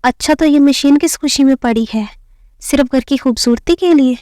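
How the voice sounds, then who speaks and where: A woman's voice: sits high, moderate pace, dark tone, no room sound, clean studio sound, close to an everyday voice. A woman reading the lines of a kind, teasing young husband in a playful, mock-formal way.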